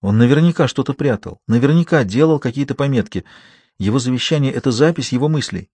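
A distrustful grieving widow comes through in this audiobook thriller, read by a man. Her lines are tense and pleading, voiced at an everyday middle pitch. The reading sits dry and close to the mic. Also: animated, quick pace, dark tone, husky, no echo. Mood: tense, worried.

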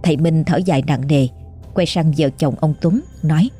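A woman tells a ghost story in a measured, suspenseful way, her voice low, dark and husky. Faint music runs underneath the narration.

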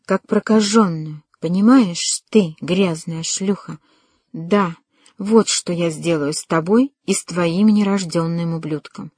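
Woman reading a cruel furious dad from a storybook, hissing thru clenched teeth, low dark voice. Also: breathy edge, no echo, clean studio sound. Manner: hissing through clenched teeth, slow and deliberate. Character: cruel enraged middle-aged father, cold and menacing. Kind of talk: audiobook character voice.

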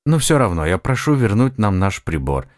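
A man narrating an audiobook who voices a calm, polite man from the far future, speaking in a measured way. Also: on the low side, dry recording, studio quality.

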